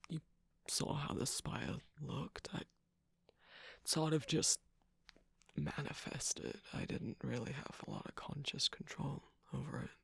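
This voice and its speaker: A sly, manipulative male cookie trickster, voiced for an ASMR roleplay teases and needles in a breathy, gravelly hush. The delivery is slow and unhurried. The voice sits close and dry, with no room around it. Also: medium pitch, fairly even intonation, no echo, full character voice. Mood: teasing. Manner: teasing, sarcastic, soft whispering with sudden laughs.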